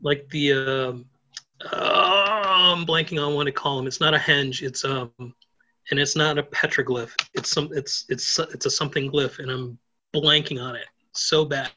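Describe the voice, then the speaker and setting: A man's voice: a little high, steady tone, unhurried, pushed and bright. A man co-hosting a podcast in casual chat, often hesitating and searching for words. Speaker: podcast co-host.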